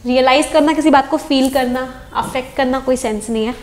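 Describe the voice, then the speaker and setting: A woman with an Indian accent teaches an exam-prep English lesson, mixing Hindi and English and asking her students questions as she goes. Her voice sits high. The room around her adds a noticeable echo. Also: fairly quick, a little hiss or hum. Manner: explains in Hindi mixed with English, asks the class questions.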